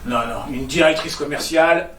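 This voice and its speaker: In this stage comedy, a man portrays a tactless, smug, clumsy neighbour and office worker who stammers when he gets flustered. The voice is fairly high, a bit bright and natural, at normal speed, recorded with echo from a distance and slight background noise.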